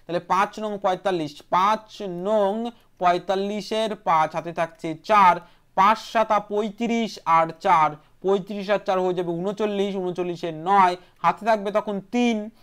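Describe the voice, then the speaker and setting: Female math tutor, brisk, repeats steps aloud for students. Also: medium pitch, fairly even intonation, clear, resonant tone. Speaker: math teacher. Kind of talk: online exam-prep math lesson.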